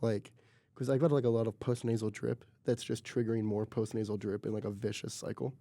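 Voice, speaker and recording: A man's voice: lowish voice, dark tone, dry recording. A young man from Kansas with a congested sick voice, telling jokey stories as a podcast host. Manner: wry, joking storyteller. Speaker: podcast host and zine editor. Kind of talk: casual chat.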